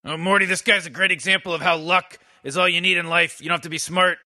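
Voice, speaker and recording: A man voices a cynical old mad scientist who mocks game characters in comedic commentary, sardonic and sarcastic. He rambles, stammers through restarts and barks insults. His voice is high, steady, fast, pushed and bright.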